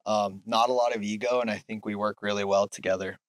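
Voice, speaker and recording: Young man, low and earnest. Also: fairly even intonation, quick pace, no room sound. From Utah. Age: young adult. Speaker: college soccer player. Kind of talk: casual interview answers.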